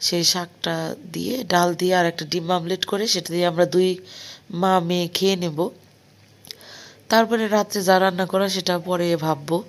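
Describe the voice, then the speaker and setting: A hoarse young woman with a cold, chatting casually as a mother vlogging her housework and cooking at home. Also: on the low side. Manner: chatty, talks while doing housework and cooking. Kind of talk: casual vlog narration. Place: home kitchen.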